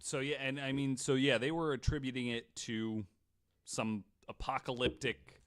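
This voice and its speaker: A man with a medium-pitched voice speaks at normal speed in a level tone. He's hosting a casual podcast and telling a story, swearing freely and peppering his talk with "like" and "right."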